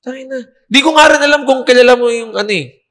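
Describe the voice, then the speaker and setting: A man telling a story on a podcast, animated and laughing, acting out the people in it with curses. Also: very high-pitched, fast, long reverb tail. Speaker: podcast guest. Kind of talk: casual storytelling chat.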